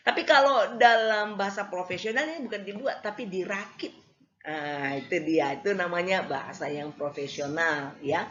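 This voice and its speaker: A woman's voice: mid-range voice, fairly bright tone. A woman lecturer giving a casual classroom lecture, hesitating with many fillers and acting out examples. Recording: slightly dull lo-fi recording.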